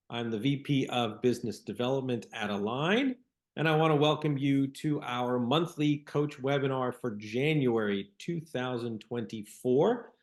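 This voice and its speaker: Man, webinar host, polished introduction, mid-pitched voice, video call. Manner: polished, welcoming. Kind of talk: formal introduction.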